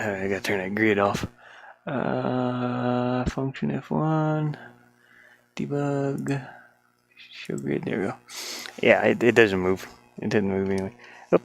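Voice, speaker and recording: A solo game developer with a creaky, mid-range voice mutters to themselves while narrating their work. Unscripted and colloquial, they grumble mildly and use "ain't" and double negatives, sitting indoors in a small warm room with a fan.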